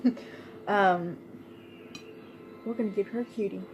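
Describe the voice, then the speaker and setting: A woman's voice: medium pitch, unhurried, a little hiss or hum, poor audio. A young woman vlogger telling a personal story in a casual, chatty way, laughing often and using lots of fillers.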